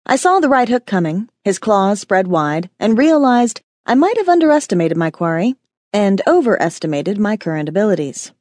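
A woman narrating a first-person fantasy audiobook in a wry, dramatic voice of mid pitch. Her delivery is scripted but lively in its asides. The recording is dry and close. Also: moderate pace, no echo.

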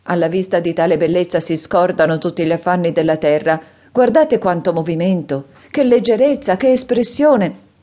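A woman's voice: fairly low pitch, normal speed, mellow, close to an everyday voice. A woman reading an audiobook voices an eager, effusive young man who pleads rapturously. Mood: gushing.

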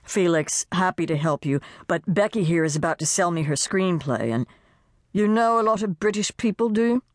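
Brief: businesslike showbiz producer woman, quick and direct, close and dry, voiced by a woman. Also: fairly low pitch, expressive, no echo, lightly acted. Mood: brisk. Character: flamboyant woman film producer, brisk.

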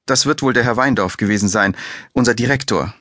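A man's voice: mid-range voice, a little fast, sharp tone, dry recording, clean studio sound. A man voicing a discreet, polite female hotel receptionist in an audiobook.

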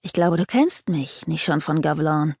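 A woman reading aloud gives voice to a hooded leper lord, a man who speaks in a high, eerie singsong and taunts with knowing menace. The tone stays mellow and dark, recorded close and dry for an audiobook. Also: animated, moderate pace, gravelly, slightly rough, no room sound, full character voice. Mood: menacing.

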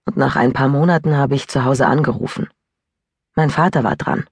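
A woman's voice: rumbling low, brisk, gravelly, slightly rough, no room sound, heavily acted. Audiobook character: woman reading a young woman confessing her past, rueful, close and dry. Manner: rueful, sighing confessional telling. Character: troubled young woman recalling a broken engagement.

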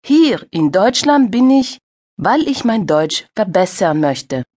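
An actress playing a friendly young female participant in a scripted language-course dialogue, speaking slowly with clear diction. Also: mid-range voice. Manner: slow, clear, lively intonation.

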